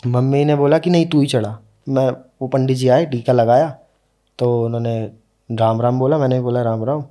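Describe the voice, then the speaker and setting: A podcast guest, a young man with a mellow, warm voice on the higher side, tells a story from his life. The talk is easygoing and earnest, with a slower pace at the emotional moments.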